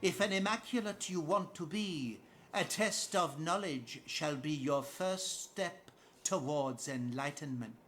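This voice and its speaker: High-voiced, lofty cult priest. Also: male voice, measured pace, a bit bright, faint music behind. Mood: lofty, instructing. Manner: grandiose, sermonizing, condescending. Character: lofty, zealous cult priest preaching of a blood goddess. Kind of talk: theatrical fantasy game dialogue.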